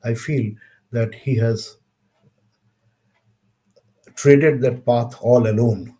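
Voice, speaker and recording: Indian male lecturer, warm low-key tone, slow and deliberate with fillers. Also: steady tone. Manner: measured, halting with pauses and fillers. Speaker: webinar speaker. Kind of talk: lecture on science history.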